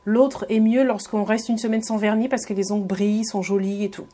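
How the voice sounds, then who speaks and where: A woman's voice: mid-range voice, little pitch movement, a little fast, dark tone. A woman giving a casual beauty tutorial voice-over, friendly and hesitant, with many fillers and restarts. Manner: friendly, addresses viewers directly. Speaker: beauty vlogger.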